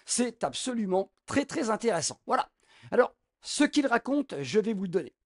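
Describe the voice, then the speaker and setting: A man's voice: sits high, very animated, normal speed, darkish tone. A man reviewing a film in a casual vlog, talking with constant hesitations, fillers and restarts. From France. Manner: hesitant, heavy filler words, many restarts. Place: home room with film posters behind.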